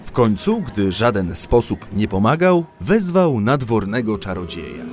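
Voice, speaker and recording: Man reading a fairy tale, slow pace, lively expressive pitch, soft music behind. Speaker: storyteller. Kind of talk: fairy tale read aloud.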